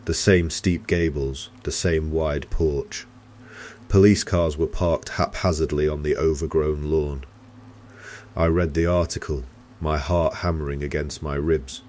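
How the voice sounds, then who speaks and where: Super deep guy telling a creepy story slow and grave, faint hum behind. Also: fairly even intonation, darkish tone. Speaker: narrator. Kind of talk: scripted horror narration.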